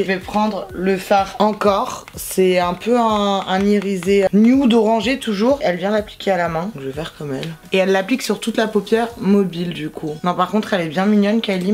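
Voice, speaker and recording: A woman's voice: medium pitch, a little hiss or hum. A young woman, chatting casually and teasingly through a makeup tutorial with lots of slang. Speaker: beauty vlogger.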